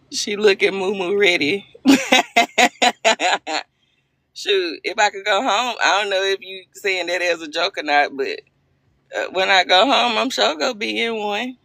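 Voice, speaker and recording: Streaming live to her viewers, this Arkansas woman from the US South is chatty and playful, quick to laugh and calling people by name. Her gravelly voice has a bright, forceful edge at a medium pitch, a little slow with frequent pauses. It's captured close and dry on a phone, no echo.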